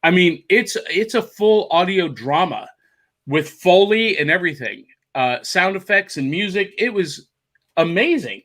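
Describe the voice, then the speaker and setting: A co-host in a casual video-call conversation eagerly rambles about and shows off things he found. His voice sits high with lively intonation, unhurried and a bit bright.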